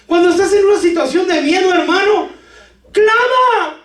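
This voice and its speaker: A man preaching a lively sermon to his congregation with jokes, sudden shouts and talk of brothers. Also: extremely high pitch, moderate pace. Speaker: pastor. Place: church hall. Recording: echoey church hall from far off.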